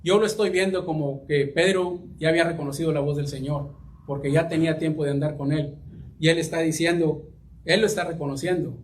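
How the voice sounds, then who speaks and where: A man preaching a sermon and reading scripture, speaking haltingly, repeating words as he searches, and addressing the congregation as brothers. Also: fairly high pitch, steady tone, a little hiss or hum.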